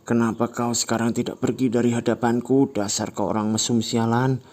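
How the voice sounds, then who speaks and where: A two-faced young woman from a comic story, voiced high and shrill with a mocking edge, as a man puts her on. Her voice sits far above a man's natural register and sounds squeezed. The tone is sharp and dismissive. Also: little pitch movement, a little fast, lightly acted. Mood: scornful. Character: fake, cruel young woman, manipulative.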